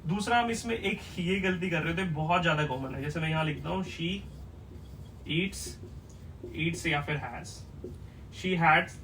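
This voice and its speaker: A man teaching an English lesson at a whiteboard, explaining step by step and often checking whether it is clear. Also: fairly high pitch, unhurried, pauses often, sharp tone, far from the mic, slight background noise, rough recording.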